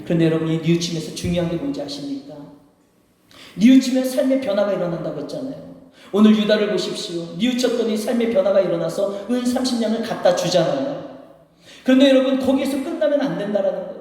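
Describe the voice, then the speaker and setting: A middle-aged man preaching a Sunday sermon as a pastor, swinging between loud shouted lines and quiet asides. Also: sits high, expressive, fast. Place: church sanctuary. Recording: very echoey hall with long reverb.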